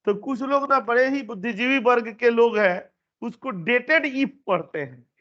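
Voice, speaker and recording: An instructor teaches an online class, walking through each step and repeating his phrases in a very high, fairly bright voice at a moderate pace. He's captured on a computer mic during a video call, and the meeting recording sounds dull and lo-fi.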